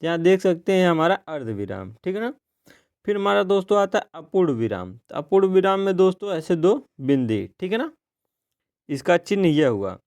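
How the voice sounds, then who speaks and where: A man teaching a grammar lesson for exam preparation, often checking in with a rising "okay?" and slowing down to read out examples. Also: big pitch swings, a little mellow. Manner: keeps asking "ठीक है ना" in a rising tone, addresses viewers as friends; slows down and drops pitch to read out example sentences.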